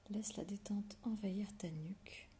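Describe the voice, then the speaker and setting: A woman leads a guided relaxation meditation in a soft, intimate whisper right in your ear, giving slow, soothing instructions with long pauses. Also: mid-range voice, slight background noise.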